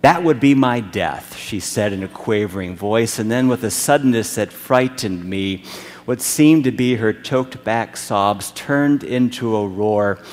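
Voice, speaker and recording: A man preaching a sermon as pastor in a church sanctuary, measured and deliberate with long pauses. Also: lowish voice, darkish tone. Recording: long reverb of a large church.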